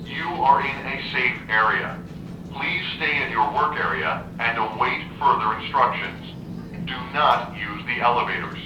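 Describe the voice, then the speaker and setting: A man's voice comes over a building loudspeaker with a calm, measured fire alarm announcement. It sounds echoey and distant, as if picked up from across a room, with a dull, muffled tone and noticeable room noise behind it. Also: mid-range voice. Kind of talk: recorded public-address announcement.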